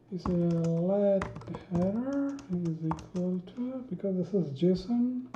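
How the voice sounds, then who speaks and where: A woman teaching a coding tutorial, thinking aloud with many pauses, ums and restarts while she types. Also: on the low side, warm tone, a little hiss or hum. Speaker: programming tutor. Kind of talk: screen-recorded coding tutorial. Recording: dull roomy home recording.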